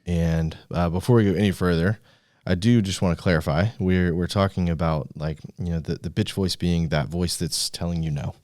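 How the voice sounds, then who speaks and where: Male podcast host, deep voice, casual and loose, dry close sound. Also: fairly even intonation, normal speed, a little mellow, dry recording. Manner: loose and conversational, many fillers and restarts.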